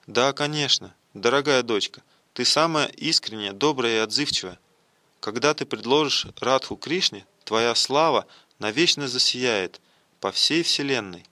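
Man doing a wise old female sage, gentle, solemn, bright tone, dry sound, devotional storybook reading. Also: medium pitch, measured pace, no room sound. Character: elderly wise female ascetic Purnamasi. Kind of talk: dramatic reading of a devotional play.

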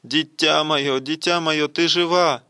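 A man's voice: mid-range voice, moderate pace, bright, forceful tone, lightly acted. A man voicing a loving motherly queen in a devotional play, overjoyed and breathless.

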